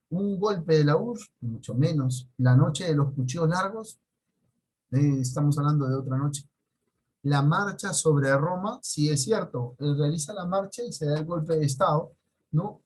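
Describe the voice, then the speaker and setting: Husky male history teacher reviewing an exam. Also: on the high side, darkish tone, low-quality recording. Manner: conversational, frequent tag questions, dry warnings. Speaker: secondary school history teacher. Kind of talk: recorded exam review for students.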